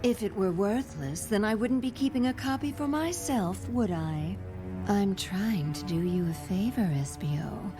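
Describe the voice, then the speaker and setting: A woman as a sultry, slow-talking bat thief. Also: mid-range voice, expressive, natural voice. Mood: flirtatious, sly. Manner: flirtatious, sardonic, unhurried. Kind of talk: audio drama acting. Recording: music bed under the voice.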